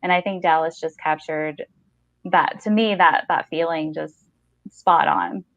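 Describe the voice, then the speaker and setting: A thirties woman reads short stories and chats about books as a podcast co-host, calling in by video from a small room at home. Her voice is low and a little slow, with vocal fry and fairly even intonation. The recording is dry, with slightly dull video-call audio.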